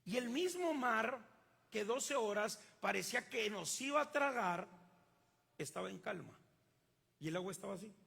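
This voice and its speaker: A man's voice: sits high, animated, normal speed, creaky, bright, forceful tone, husky, big-room sound. A man with a Mexican accent preaching a sermon, emphatic and drawing the congregation in with call-and-response questions. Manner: emphatic, asks the congregation to fill in words. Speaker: pastor.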